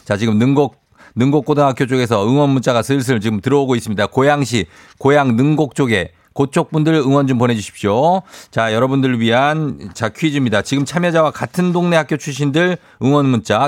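A man's voice: mid-range voice, fast, no echo, studio quality. A man hosting a radio quiz as a game show host, announcing theatrically with suspenseful repeats and dropping into casual chat.

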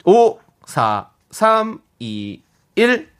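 A man's voice: sits high, very slow, background noise. A man hosting a radio quiz show in a studio, counting down and teasing the contestants. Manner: lively, counts down and teases contestants. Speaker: radio host.

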